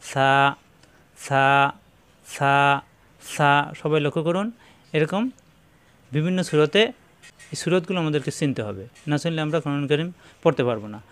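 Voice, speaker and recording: A man teaching Quran reading, explaining each Arabic letter and saying its name again and again in a slow, instructive way. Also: on the high side, a little mellow. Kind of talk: step-by-step letter pronunciation lesson.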